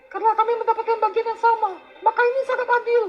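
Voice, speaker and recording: A woman voicing an emotional young woman in an animated courtroom drama, pleading and stammering melodramatically. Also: extremely high pitch, racing. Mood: insistent. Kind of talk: dramatic animated story dialogue. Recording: dull lo-fi audio with music behind.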